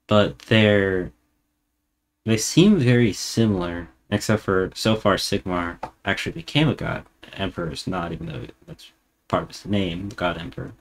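Slow, low-voiced man thinking aloud. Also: vocal fry. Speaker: streamer reacting to a lore video. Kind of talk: casual reaction commentary.

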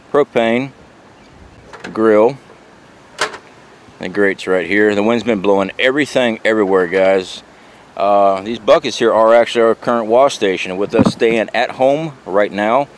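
On a casual handheld tour of a small trailer, a middle-aged vlogger talks on the low side, plain-spoken and folksy, calling his viewers "guys." The camera or phone mic picks up plenty of noise, including outdoor sound and fan hum.

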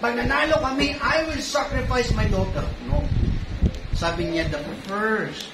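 Animated Filipino preacher in an echoey hall. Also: male voice, moderate pace. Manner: animated, gestures widely, rises in pitch for emphasis. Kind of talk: sermon mixing English and Tagalog. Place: small church hall with curtains, indoors. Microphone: stand mic in front, seated, filmed by far camera. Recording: echoey hall mic from a distance, loud background noise.

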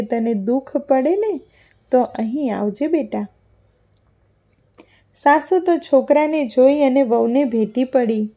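Woman reading a devotional folk tale, kinda gravelly and mellow, acts out the lines, muffled lo-fi sound. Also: fairly high pitch. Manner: expressive reading, voicing the characters' lines. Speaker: narrator. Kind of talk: storytelling of a devotional fast tale. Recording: dull lo-fi recording.

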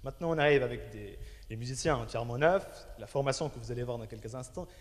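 A man's voice: medium pitch, fast. Male TV presenter in a reverberant studio. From Switzerland. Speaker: television music show host. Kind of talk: presenting and interviewing on a music programme. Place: television studio with band instruments. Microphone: handheld microphone. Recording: reverberant vintage television studio.

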